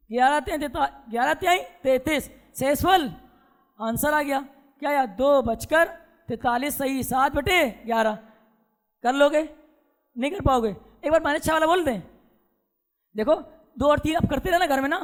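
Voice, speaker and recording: A man's voice: very high voice, a bit bright, in a large hall. A male teacher giving a classroom lecture, drilling his students with repeated questions and having them chant answers back.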